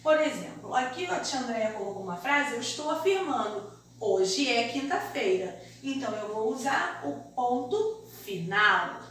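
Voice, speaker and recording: A Brazilian woman teaching a remote lesson to young children, explaining slowly and deliberately in a sing-song way. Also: a little high, very animated, a bit bright. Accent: Brazilian Portuguese. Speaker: primary school teacher. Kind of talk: remote primary school lesson. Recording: very echoey room, mic far off, faint hiss.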